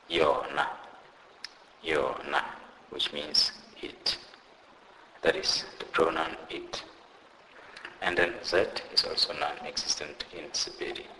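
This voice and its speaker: A man teaching pronunciation in a scripted lesson, deliberately saying each example word twice. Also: extremely low pitch, pushed and bright, in a large hall, a little hiss or hum, rough recording. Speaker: language teacher.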